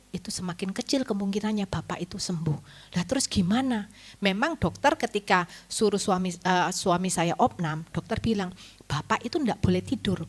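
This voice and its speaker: A woman pastor, giving a testimony sermon in a storytelling way, dropping to a near whisper when she quotes the doctor. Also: medium pitch. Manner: storytelling, quoting the doctor in a hushed voice and herself more loudly. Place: church.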